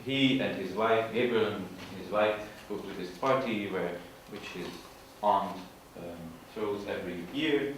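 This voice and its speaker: A man giving an informal literature presentation, explaining in a halting way and searching for his words. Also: lowish voice. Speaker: student presenter. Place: large room at an evening school event. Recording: echoey hall from far off, faint noise.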